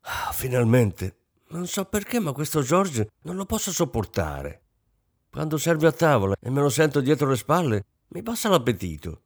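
A man reading an audiobook, voicing a fussy, social-climbing middle-aged wife who is shrill, bossy and fretful. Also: very animated, normal speed, no echo, studio quality. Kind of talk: audiobook character voice.

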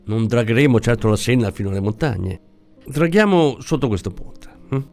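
A man voicing a conscientious, timid male lieutenant who speaks hesitantly and softly. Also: medium pitch, animated, moderate pace, close to an everyday voice. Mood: careful. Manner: hesitant and soft-spoken.

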